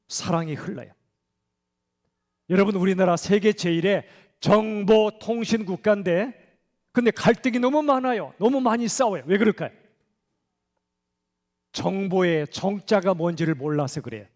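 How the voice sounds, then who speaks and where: A man's voice: sits high, moderate pace, pauses often, darkish tone. A middle-aged man preaching a sermon as a pastor, talking conversationally and asking the congregation questions. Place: church sanctuary. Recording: church hall reverb.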